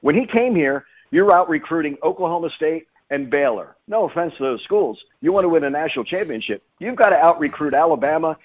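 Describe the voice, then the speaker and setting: Over a narrow-band, phone-like radio line, a man appears as a radio guest and play-by-play announcer, giving emphatic sports commentary and repeating phrases for stress. His fairly high voice is animated and fairly quick, with few pauses.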